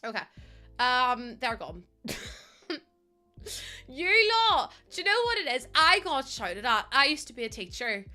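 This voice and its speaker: Faint music runs under a live stream where a giggly, chatty young Northern Irish woman talks with her chat in local slang. She sits high in pitch with big swings, speaking a little slowly with long pauses, and her tone is bright and forceful.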